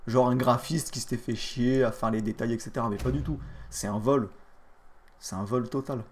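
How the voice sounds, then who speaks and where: A man's voice: mid-range voice, steady tone, moderate pace, darkish tone, a little hiss or hum. A man streaming a board game online, casually commenting and mocking the other players with crude trash talk, often muttering under his breath.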